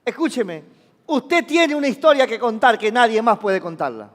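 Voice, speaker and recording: High-voiced, lively preaching man. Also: normal speed. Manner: questions the congregation and has them repeat phrases; acts out sounds with sudden exclamations. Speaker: pastor. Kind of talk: sermon. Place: church. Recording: long reverb of a church hall.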